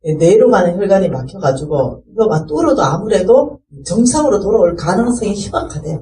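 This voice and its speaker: A middle-aged woman tells a church testimony in an animated storytelling manner, acting out the people in it and rising to fervent pleading. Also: mid-range voice, fairly quick, roomy sound, far from the mic, poor audio. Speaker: speaker giving a church testimony.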